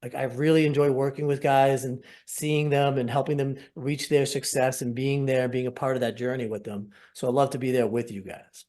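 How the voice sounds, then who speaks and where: A man's voice: medium pitch, flat delivery, normal speed, few pauses, darkish tone. A man hosting a casual sales webinar over a video call, talking in an upbeat, persuasive and rambling way. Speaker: program host.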